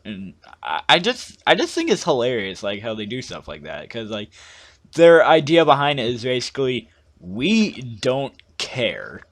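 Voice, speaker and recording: A man's voice: medium pitch, huge pitch swings, moderate pace. A young man co-hosting a gaming podcast in laid-back casual chat, often trailing off and saying "like". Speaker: podcast co-host.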